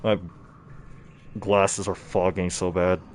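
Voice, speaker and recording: A man's voice: on the low side, moderate pace, darkish tone. A man livestreaming a game in casual chat, projecting his voice through a face mask. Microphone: distant microphone, talking through a mask. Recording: noisy, mic set far away.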